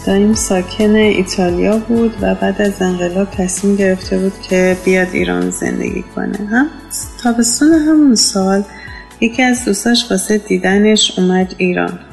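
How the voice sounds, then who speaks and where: A woman's voice: mid-range voice, very animated, vocal fry, darkish tone, faint music behind, poor audio. Woman in her 50s telling a memory. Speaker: storyteller sharing a memory. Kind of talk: casual personal storytelling.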